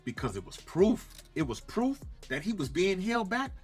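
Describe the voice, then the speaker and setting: A man's voice: high-pitched, very animated, moderate pace, darkish tone. A man delivering scripted, opinionated sports commentary as an emphatic, dramatic exposé with a smug, sarcastic edge. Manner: emphatic, dramatic, rhetorical questions. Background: music.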